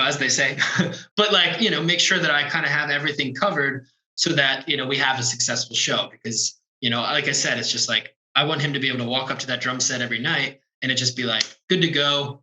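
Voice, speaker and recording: A man's voice: mid-range voice, bright, forceful tone, roomy sound, rough recording. A man talking about his touring work in a casual interview, laid-back and rambling, full of fillers, over a video call. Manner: laid-back, rambling, lots of "like" and "you know". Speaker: drum tech on tour, guest.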